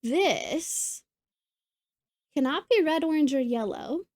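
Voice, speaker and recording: A woman's voice: sits high, animated, takes it slowly, darkish tone, no room sound, studio quality. A woman hosting a puzzle video, thinking aloud as she solves, musing and hesitant with frequent ums and maybes, a little out of breath.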